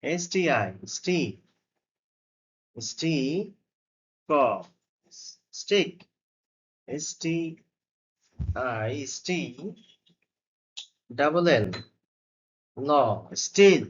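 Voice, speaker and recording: A man teaching phonics at a very slow, patient pace. He spells each word letter by letter before sounding it out, with an even pitch that sits in the middle. The recording is dull and lo-fi. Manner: spells words letter by letter, then sounds them out. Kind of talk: spelling lesson for beginners.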